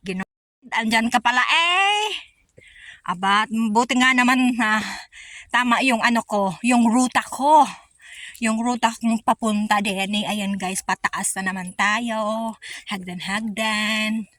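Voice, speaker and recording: A woman's voice: on the high side, takes it slowly, a bit bright, dry recording, studio quality. A woman from the Philippines, out of breath from climbing, chatting to viewers as she films a travel vlog on an outdoor hiking trail. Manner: chatty, narrating to viewers while walking. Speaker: vlogger. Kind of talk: casual travel vlog narration.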